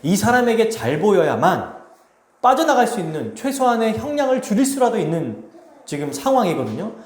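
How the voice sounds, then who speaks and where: A man preaching an expository sermon as pastor, animated and acting out quoted speech. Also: on the high side. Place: church sanctuary. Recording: roomy church echo.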